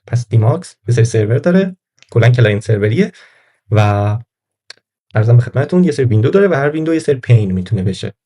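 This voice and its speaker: Here the same kind of relaxed Linux screen recording plays out, with the male instructor musing aloud and fixing his own slips. He speaks at a medium pitch with a dark tone.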